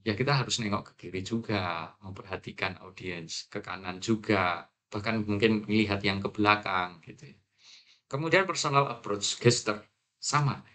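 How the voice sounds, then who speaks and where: A man's voice: fairly low pitch, moderate pace, bright, forceful tone. A man teaches presentation skills in a casual lecture. He talks to his students conversationally, tosses out rhetorical questions and answers them himself. He keeps dropping English terms into his explanations. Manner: conversational, frequent filler tags and rhetorical questions.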